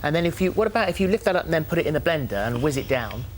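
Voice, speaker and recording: A woman's voice: deep voice, sing-song, very fast, a little hiss or hum. A woman co-presenting daytime television in a chatty, questioning style.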